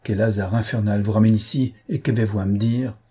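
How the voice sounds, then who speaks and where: A man voicing a jealous, furious young marquis who shouts in rage and scorn. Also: fairly low pitch, fairly even intonation, a little fast, husky.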